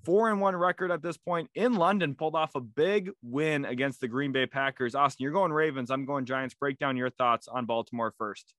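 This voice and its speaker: Energetic young man hosting sports picks. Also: medium pitch, normal speed, few pauses, dry recording. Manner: energetic, leads the segment and hands questions to co-host. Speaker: sports podcast host. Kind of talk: casual sports prediction talk.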